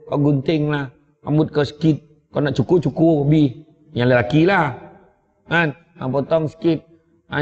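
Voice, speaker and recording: A man with a Malaysian Malay accent giving a humorous sermon as a preacher, telling stories and acting out scenes as he goes. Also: a little high. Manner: lively storyteller acting out scenes. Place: mosque or prayer hall. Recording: echoey hall, dull lo-fi sound.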